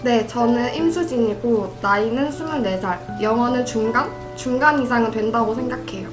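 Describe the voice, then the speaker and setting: A woman's voice: a little high, moderate pace, over music, natural voice, rough recording. A woman in her twenties voicing a hopeful young student asking for job advice, eager but a little unsure. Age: 20s.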